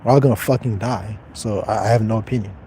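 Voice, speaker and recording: A young man in his twenties with a dark, mellow voice talks casually on a livestream. He answers viewers in a blunt, offhand way and swears freely. A faint hum of noise sits behind him. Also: lowish voice, steady tone, quick pace. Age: 20s. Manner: blunt, profane, detached and offhand. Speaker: livestreamer reading chat.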